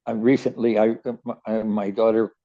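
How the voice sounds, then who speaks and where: Speaking briskly in a fairly low, warm voice with a level tone, an older radio host with a Baltimore accent spins loose, rambling stories, frequently stammering, restarting, and repeating himself. The high frequencies are cut off in the recording.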